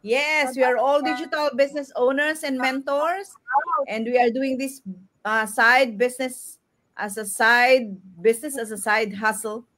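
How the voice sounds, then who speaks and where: A woman's voice: high voice, steady tone, moderate pace, fairly bright tone. Chatty woman hosting a live stream. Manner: chatty, with Filipino fillers. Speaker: host. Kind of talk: casual live-stream chat. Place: home in New Zealand.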